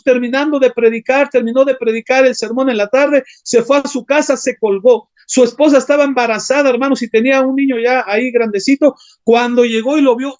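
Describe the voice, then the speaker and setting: High-voiced man preaching a sermon. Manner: impassioned, keeps addressing the congregation as brothers. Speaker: pastor.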